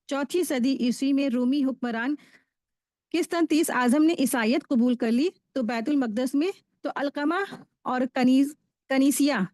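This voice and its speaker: Woman teaching a quran class, kinda high voice, explains step by step, dry close sound. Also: no room sound. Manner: explanatory, steady, with frequent restarts. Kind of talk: religious lesson.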